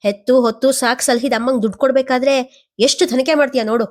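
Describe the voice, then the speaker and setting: A woman's voice: high voice, steady tone, fast talker, voice pushed up, natural voice. A woman voicing a manipulative middle-aged mother who guilt-trips her son for money. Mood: wheedling. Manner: wheedling, guilt-tripping.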